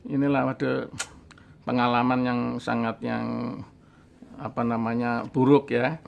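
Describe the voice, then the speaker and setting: An older man casually telling a personal ghost story, animated, acting out his friends' lines and laughing now and then. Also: mid-range voice, measured pace, gravelly, highs cut off, a little hiss or hum. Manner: animated, voices friends in quotes, laughs often.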